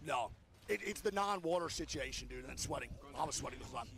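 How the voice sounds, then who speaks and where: A man's voice: medium pitch, expressive, fast, creaky. A man streaming a watch party, giving hyped, swearing play-by-play esports commentary over a game broadcast.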